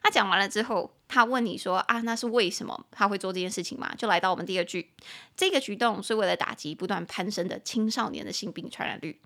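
A young woman with a Taiwanese Mandarin accent hosting a podcast English lesson, mixing Mandarin and English and slowly spelling words out letter by letter. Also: medium pitch, creaky, fairly bright tone. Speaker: podcast host and English teacher.

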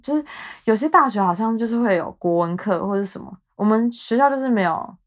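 A woman's voice: medium pitch, animated, brisk. Chatty young Taiwanese-accented woman. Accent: Taiwanese Mandarin. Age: 20s. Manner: chatty and self-mocking, rambling asides. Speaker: podcast host. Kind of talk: casual solo chat.

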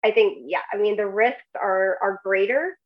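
A woman's voice: mid-range voice, normal speed, lo-fi sound. A woman, a guest expert, talking casually with many fillers and laughing through serious points. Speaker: guest researcher in agriculture. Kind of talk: casual podcast conversation.

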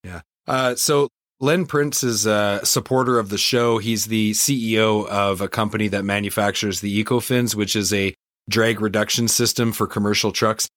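A man's voice: on the low side, steady tone, normal speed, a bit bright, no echo. Man hosting an interview show, dry close sound. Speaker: show host.

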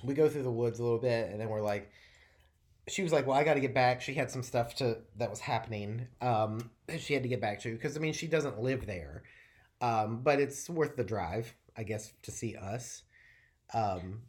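A man's voice: medium pitch, normal speed. Rambling, profane storyteller man. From North Carolina. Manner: rambling, profane, animated storytelling with many fillers. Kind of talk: casual storytelling chat.

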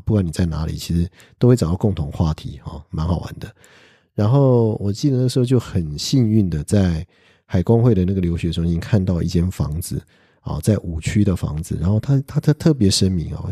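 A middle-aged man with a Taiwanese Mandarin accent tells a casual podcast story in a husky, dark, mellow voice. His talk is chatty and full of small tag words and fillers. The sound is dry and close to the mic. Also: low voice, no room sound. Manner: chatty, many "ha" tags and fillers. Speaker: law professor podcast host.

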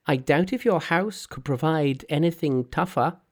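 A man reading a storybook aloud and voicing Monkey, a boastful, mischievous monkey hero, in a raised, teasing voice. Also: normal speed. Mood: cocky. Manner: brash, teasing, high-pitched put-on voice.

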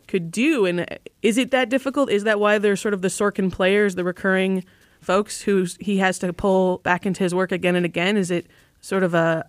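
A woman's voice: mid-range voice, dry recording. A woman asking questions as the interviewer in a casual conversation.

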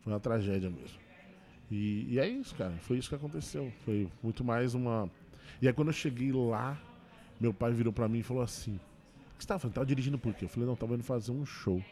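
A man, a stand-up comedian, telling a personal story in a casual interview, with quick emotional restarts. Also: mid-range voice, mellow. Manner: fast, emotional retelling with many restarts.

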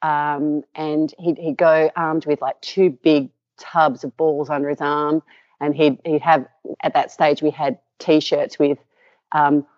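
A woman's voice: low voice, flat delivery, slow, no room sound. A middle-aged Australian woman, a company co-founder telling her story in an interview, rambling with many fillers and restarts. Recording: dull lo-fi sound.

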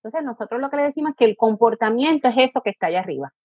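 A woman's voice: fairly high pitch, lively intonation, very fast, husky, no room sound, phone-quality sound. A woman, an educator and coach, answering interview questions and explaining patiently, now and then acting out what a parent or a child says. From Puerto Rico. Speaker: positive discipline educator and coach.

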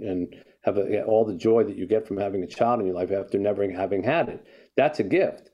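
A man's voice: fairly low pitch, dark tone. An older man, an author guest in a conversational interview, telling a story and reflecting, often restarting his sentences.

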